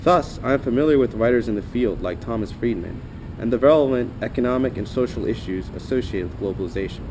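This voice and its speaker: A man's voice: mid-range voice, fast, a little mellow, slight background noise, low-quality recording. A young man from Costa Rica giving an earnest, formal scripted narration as a student documentary narrator. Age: young adult.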